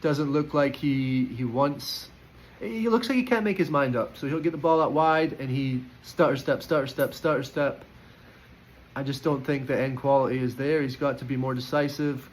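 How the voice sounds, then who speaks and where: A man talking through player ratings in a loose, opinionated reaction style. He stops and restarts his sentences often and fills the gaps with ums. His voice sits at an ordinary middle pitch, with a faint hiss under it. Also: steady tone, normal speed, rough recording. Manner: chatty, opinionated, lots of fillers and restarts. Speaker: football fan giving player ratings. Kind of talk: casual post-match reaction.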